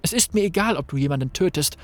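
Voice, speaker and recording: A man's voice: on the high side, animated, fast, lightly acted. A man reading the lines of a grim, determined young woman warrior in a game story.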